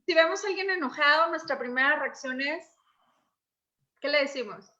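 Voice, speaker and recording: Bright high-voiced woman coach. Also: moderate pace, highs cut off. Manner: expressive, reenacts dialogue. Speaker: emotions coach. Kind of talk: conversational explanation.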